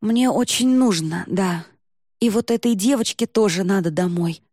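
A woman's voice: medium pitch, normal speed, a little mellow, no echo, clean studio sound, lightly acted. A woman voicing a polite, earnest young woman who is lost and wants to get home.

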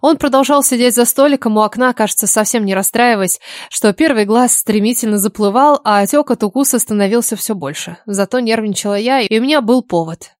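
A woman narrates a first-person novel, reading the heroine's own lines with expression. Her voice sits fairly high. The recording is close and dry, with no room sound. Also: brisk, hardly any pauses, no echo. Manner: expressive, indignant in dialogue. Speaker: audiobook narrator.

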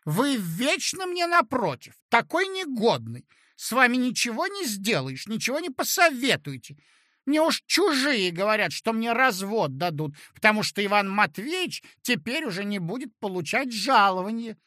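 A man's voice: extremely high pitch, sing-song, moderate pace, bright, forceful tone, dry recording, studio quality, pitched above the performer's own voice, heavily acted. A man voicing a flighty, capricious young married woman who whines and exclaims, in an audiobook reading. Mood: petulant. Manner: petulant, whiny, exclaiming. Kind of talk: audiobook character voice.

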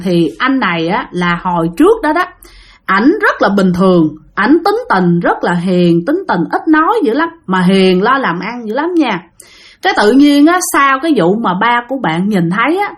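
A woman with a Southern Vietnamese accent telling a ghost story in a chatty way, often addressing her listeners directly. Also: medium pitch. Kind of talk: spoken ghost story narration.

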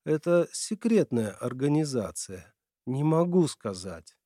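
A man's voice: medium pitch, very animated, a little slow, mellow, dry recording, studio quality. A man voicing an earnest, secretive teenage boy in an audiobook, explaining himself in a guilty, sincere way.

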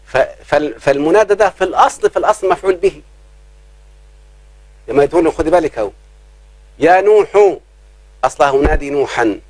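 A man with an Egyptian accent teaching grammar in a live class, checking often whether students follow and drawing out his examples slowly. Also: fairly high pitch, dry recording, poor audio. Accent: Egyptian Arabic. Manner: keeps quizzing students, slows down to drawl examples.

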